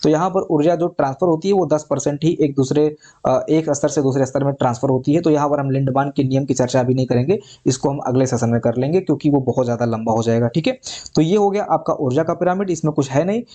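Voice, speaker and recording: A man's voice: on the high side, fast, dark tone. A man teaching an exam prep lesson, going over points again and checking in with his students often. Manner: repeats points, checks with "ठीक है". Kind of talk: online exam lecture.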